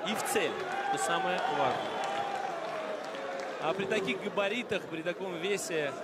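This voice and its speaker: A man's voice: high voice, normal speed. A man giving live MMA fight commentary as a sports commentator. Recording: loud crowd noise throughout. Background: roaring arena crowd.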